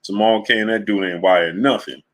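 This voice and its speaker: A man's voice: lowish voice, moderate pace. A man hosting a sports live stream, chatting casually, reading out super chats and retelling stories with lots of laughter. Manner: animated storytelling, reads super chats, laughs often. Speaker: sports channel host.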